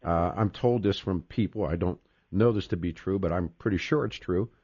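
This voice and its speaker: Low-voiced guy hosting a chat, punchy and repetitive, dry muffled sound. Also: moderate pace, a little mellow, husky, no echo. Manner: emphatic, repeats words, interjects often. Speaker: podcast host. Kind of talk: casual discussion.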